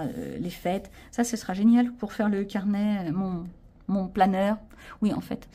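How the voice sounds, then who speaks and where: A vlogger with a French accent shows off her sticker and craft haul, talking casually to camera in a fairly low, mellow voice. She pokes fun at herself and fills her speech with fillers.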